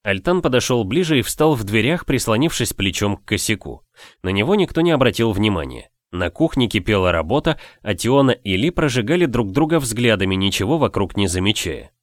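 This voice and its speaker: A man narrating a novel as an audiobook in expressive storytelling. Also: on the low side, a little fast, no echo.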